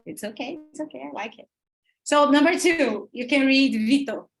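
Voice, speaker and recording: Lively woman teaching English. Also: high voice, measured pace, gravelly. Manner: lively, checks in with the class often. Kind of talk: online English class, mixing Portuguese and English.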